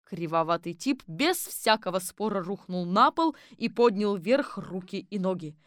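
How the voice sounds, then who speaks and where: A woman narrating an audiobook in a lively, ironic storytelling manner. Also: mid-range voice, unhurried, no echo, clean studio sound.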